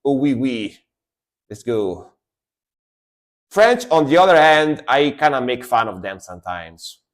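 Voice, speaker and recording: A man's voice: mid-range voice, big pitch swings, measured pace. Male streamer, enthusiastic, rambling, jokey reaction commentary. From Italy. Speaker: streamer reacting to metal music.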